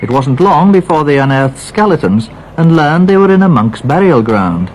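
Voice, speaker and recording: A male documentary reporter with a fairly high, animated voice that moves freely up and down. He narrates and asks questions on location, in a 1970s recording with some background noise. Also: moderate pace, rough recording. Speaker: reporter and interviewer. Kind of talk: scripted narration and on-location interviewing for a regional documentary.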